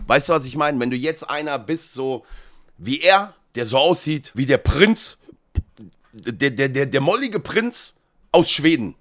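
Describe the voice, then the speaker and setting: A man streaming a reaction, joking and talking to his chat in an animated way. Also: medium pitch, a little slow. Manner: animated, jokey, talks to chat.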